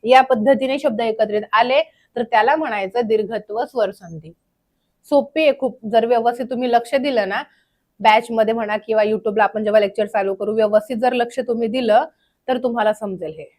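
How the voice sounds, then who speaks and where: Slow drilling woman teacher. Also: a little high, a little mellow. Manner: questions the class and answers herself; drills slowly, repeating terms. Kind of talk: grammar lecture.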